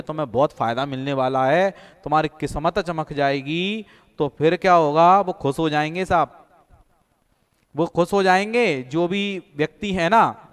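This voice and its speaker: In an online exam-prep class, a man drills names into memory through little stories and lots of repetition. His voice is smooth and slightly high, and the room adds a long, echoing reverb.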